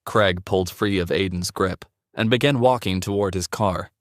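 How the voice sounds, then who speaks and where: A man narrating a scripted audio drama in an even storytelling voice. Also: deep voice, normal speed, dry recording, studio quality. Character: determined young husband.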